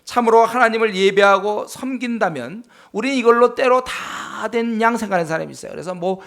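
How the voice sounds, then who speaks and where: Male pastor, high-pitched, Bible study sermon, emphatic with rhetorical questions. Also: fairly quick, fairly bright tone. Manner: emphatic, rhetorical questions, frequent affirming "yes".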